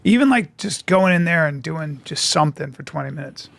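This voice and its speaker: Creaky high-pitched male host. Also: animated, brisk, fairly bright tone, no echo. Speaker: show host. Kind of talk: casual chat.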